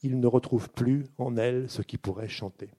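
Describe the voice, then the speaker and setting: A man hosting a literary show who reads a book passage aloud in a measured, deliberate way, then questions the author. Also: mid-range voice, steady tone, dark tone, breathy edge.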